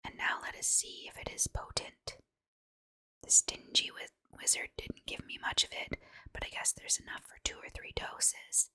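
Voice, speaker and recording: A spiteful, scheming old witch, acted by a woman mutters under her breath in whispered role-play. The storybook crone speaks in a very bright, breathy whisper. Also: normal speed. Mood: scheming, eager.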